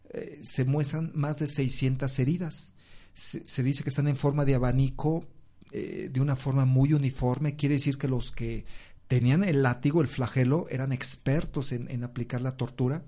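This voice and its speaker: A man tells of his faith in a reflective, devout way. His voice is dark and mellow, and he pauses often on soft fillers. When he quotes people, his pitch jumps up to act them out. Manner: acts out quoted speech with raised pitch. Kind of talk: personal religious testimony in conversation.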